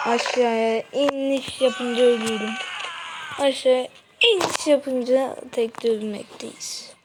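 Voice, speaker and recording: A woman with a fairly high voice talks slowly and casually over a game, breaking into dramatic cries and wails as her character keeps falling. The recording carries a clear layer of background noise. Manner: dramatic yelps and wails at each fall, slow chatty talk. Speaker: gaming video host. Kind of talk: casual gameplay commentary.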